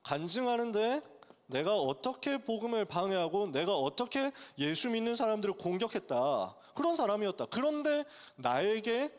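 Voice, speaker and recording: A male pastor preaching to college students, telling the story in a lively way and acting out its characters' voices. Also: high-pitched, moderate pace. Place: church sanctuary. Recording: long church hall reverb.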